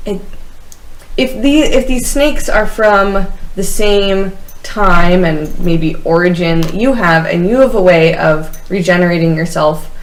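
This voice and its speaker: A woman's voice: fairly low pitch, measured pace. A woman playing a tabletop game, asking probing questions and restarting them. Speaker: player. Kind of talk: tabletop role-play. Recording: echoey room.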